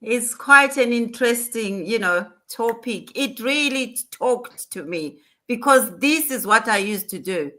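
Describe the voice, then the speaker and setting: A woman's voice: on the high side, animated, measured pace, hardly any pauses, sharp tone. A woman hosting a motivational livestream, talking in an earnest, emphatic way and repeating her points. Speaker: livestream host.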